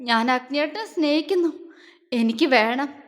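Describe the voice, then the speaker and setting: A woman's voice: high-pitched, natural voice. Woman voicing a half-crazed jealous young woman. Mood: bitter. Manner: slow, broken, panting. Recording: long hall reverb, distant.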